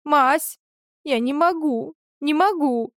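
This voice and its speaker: A woman's voice: high-pitched, lively intonation, normal speed, no echo, clean studio sound, voice pushed up. A woman voicing a desperate young woman who pleads with her former lover. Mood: pleading desperate. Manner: pleading, breathless.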